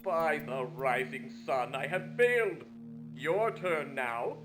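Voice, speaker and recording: A man's voice: mid-range voice, expressive, takes it slowly, a bit bright. A man playing a formal, courteous video game opponent with an earnest, stilted, exclamatory delivery. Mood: formal, regretful. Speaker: game character. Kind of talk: scripted video game voice acting. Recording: music under the voice. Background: game music.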